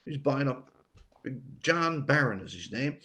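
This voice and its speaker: An older author from Newfoundland, Canada, talks casually about writing as an interview guest, wandering reflectively from thought to thought. His medium-pitched voice is animated and a little slow, with a pushed, bright quality.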